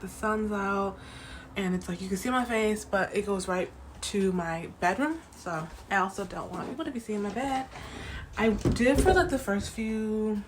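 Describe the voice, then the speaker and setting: Young woman vlogger, raspy morning voice, rambling casual chat at home, mid pitch. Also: a little hiss or hum, low-quality recording. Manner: rambling, many fillers and restarts. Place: at home, indoors.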